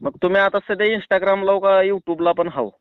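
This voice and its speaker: Over a tinny phone line, this prank caller with a rural Maharashtrian Marathi accent chats casually, coaxing and reassuring. He has a high-pitched, clear, resonant voice with fairly even intonation and an unhurried pace, recorded dry.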